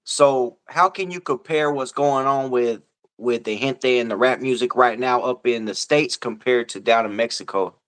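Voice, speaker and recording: Chill host dude, slangy easygoing questions, mid-pitch voice. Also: male voice, moderate pace, fairly bright tone, clear, resonant tone. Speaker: show host. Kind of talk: casual interview chat.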